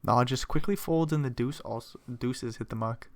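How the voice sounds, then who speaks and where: A young man with a gravelly voice of ordinary pitch talks through poker hands one by one. He is relaxed and chatty and thinks aloud, and now and then he breaks off for a playful aside. Hiccups and yawns keep catching him as he talks. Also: moderate pace, a little hiss or hum. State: hiccuping and yawning. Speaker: poker commentator. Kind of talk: solo play-by-play commentary.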